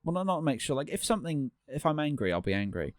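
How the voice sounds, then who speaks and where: A man's voice: fairly high pitch, very animated, quick pace, dry recording, studio quality. A man, a podcast guest, talking in casual chat with many restarts and fillers.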